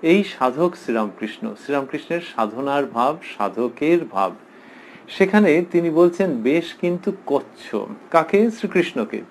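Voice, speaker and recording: A man with a Bengali accent giving a slow, explanatory spiritual discourse, reading passages aloud and commenting on them. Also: a little high, expressive, slight background noise, poor audio. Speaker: lecturer on scripture.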